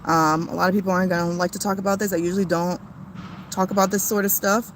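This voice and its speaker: A woman in her thirties on a livestream, tearful and halting, with many fillers and restarts. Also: lowish voice, little pitch movement, background noise. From came to the US as a child. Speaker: family channel host. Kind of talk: emotional livestream talk.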